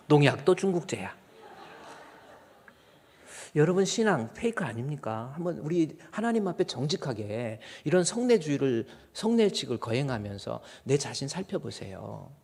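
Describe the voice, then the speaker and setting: A middle-aged male pastor preaching a sermon, moving between quiet asides and loud, emphatic peaks. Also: mid-range voice, vocal fry. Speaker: senior pastor. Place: church sanctuary. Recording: long reverb of a church hall.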